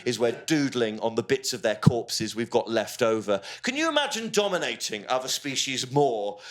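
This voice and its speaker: A man performing a stand-up comedy set, telling stories in a conversational way with quick asides to the audience. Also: mid-range voice, sing-song. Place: comedy venue with audience laughter.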